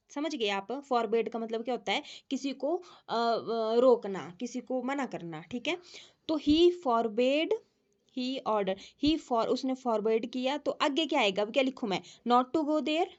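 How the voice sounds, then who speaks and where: Teacher woman, higher voice, dull audio. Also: normal speed. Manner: explains step by step, checks in with students. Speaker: English grammar teacher. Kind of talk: online class explanation.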